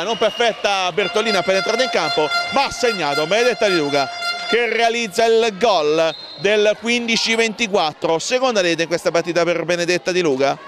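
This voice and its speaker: A man giving excitable live handball commentary, calling out names and plays in bursts. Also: sits high. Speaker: sports commentator.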